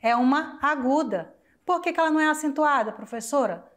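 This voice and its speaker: This high-pitched young Brazilian woman is a Spanish teacher explaining material in a recorded online lesson, her accent Brazilian Portuguese. Chatty and loving toward the class, she asks herself questions and then answers them, breaking words down slowly, one syllable and one word at a time.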